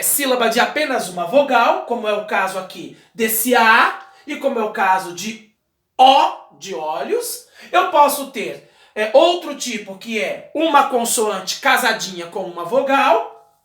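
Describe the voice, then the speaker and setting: A man's voice: very high voice, fairly bright tone. A male teacher giving a recorded lesson, explaining step by step as he writes on a wall, patient and checking in with short questions. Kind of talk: video lesson, explaining while writing. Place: indoor room, writing on a wall. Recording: echoey room.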